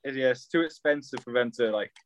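A man's voice: medium pitch, a little fast. A young man from Swansea with a Swansea Welsh accent, chatting casually as a guest on a podcast. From Swansea, Wales. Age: young adult.

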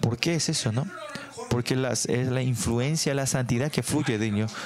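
A man preaching a sermon, reading scripture slowly and often adding tag questions and fillers. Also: medium pitch, darkish tone. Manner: reads scripture slowly and deliberately. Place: church service.

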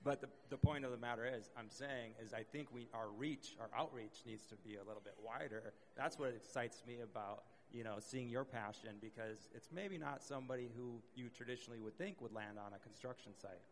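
A man's voice: mid-range voice, a little fast, few pauses, slight background noise. A middle-aged man hosting a casual panel talk, laid-back with many fillers. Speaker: host.

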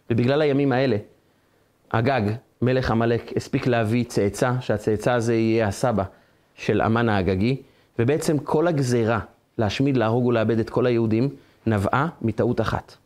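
A man's voice: mid-range voice, a little mellow. A man, a rabbi giving a Torah lesson, who tells stories with animation and asks rhetorical questions.

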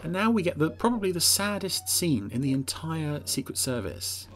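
A man's voice: fairly high pitch, very animated, moderate pace, soft background music. A man hosting a casual episode commentary in a wry, rambling, hesitant way. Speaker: host.

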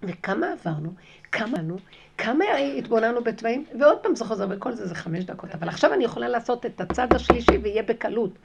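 A woman teaching a spiritual lesson through a personal story, her fairly high voice carrying a gravelly edge. She tells it animatedly, acting out her own past conversations and hammering home key phrases by repeating them. A faint hiss runs beneath her. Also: expressive.

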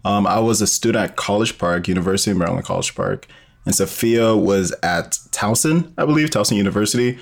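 A young adult man with a lowish, gravelly voice talks a little fast as a guest in an interview. A podcast co-creator, he speaks casually and uses plenty of conversational filler.

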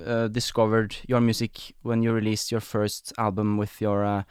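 A man's voice: on the low side, monotone, normal speed, a little mellow, clean tone, no room sound, clean studio sound. A man hosting an interview podcast, friendly and hesitant, with many "um" and "uh" fillers. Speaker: podcast host. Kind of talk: casual interview talk.

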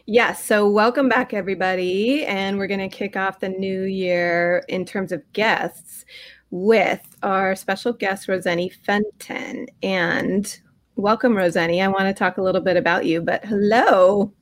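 Podcast co-host: woman, mid-pitched, loose and talkative. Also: fairly even intonation, measured pace. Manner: chatty, warm introductions with fillers. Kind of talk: casual podcast chat.

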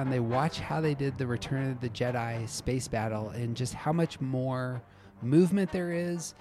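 A man's voice: mid-range voice, darkish tone. A man hosting a podcast, casually recapping and discussing a TV episode, narrating scenes as he goes. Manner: narrates scenes, reads out quotes, laughs easily. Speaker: podcast host.

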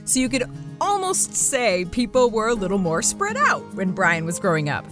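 A woman's voice: mid-range voice, sing-song, normal speed, music in the background. A woman hosting and narrating a story podcast, with playful, chatty asides to the listener.

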